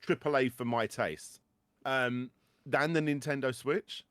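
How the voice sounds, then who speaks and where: A British man in casual podcast chat, recorded close and dry with no room sound. He talks eagerly, tripping over and repeating his words as he warms to a point. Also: medium pitch, fairly even intonation, measured pace, dry recording. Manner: enthusiastic, stammers and repeats words. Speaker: podcast host.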